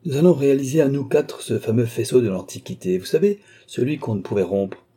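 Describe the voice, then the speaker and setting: A boastful, scheming viscount, read by a man, eager and full of his own plans. His voice is dark and mellow, with a husky edge. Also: medium pitch, lively intonation, a little fast, voice pushed up.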